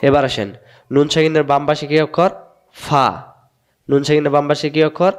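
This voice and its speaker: A man's voice: fairly high pitch, flat delivery, clear, resonant tone. A man from Bangladesh with a Bangladeshi Bengali accent, teaching Quran recitation patiently and repeating each sound several times. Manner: repeats sounds slowly, asks and answers his own questions. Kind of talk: patient step-by-step lesson.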